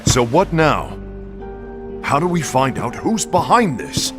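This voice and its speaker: A scornful hot-headed warrior. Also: male voice, medium pitch, wildly swooping pitch, slow. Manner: blunt, scornful. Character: brash hot-tempered male warrior leader. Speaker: voice actor in a game cutscene. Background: game music.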